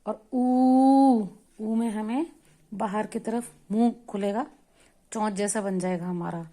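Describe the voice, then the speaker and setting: A woman teaching Hindi vowel signs, drawing out each sound loudly and then explaining it softly, step by step. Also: medium pitch, steady tone, unhurried. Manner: patient, step-by-step instruction while writing. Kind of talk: slow spoken lesson on Hindi vowel signs.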